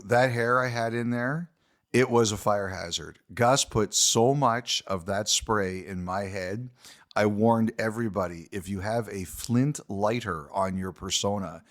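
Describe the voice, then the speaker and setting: A man's voice: lowish voice, a little slow. A man co-hosting a podcast, chatting casually and joking at his own expense. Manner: self-deprecating, jokey. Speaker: podcast co-host.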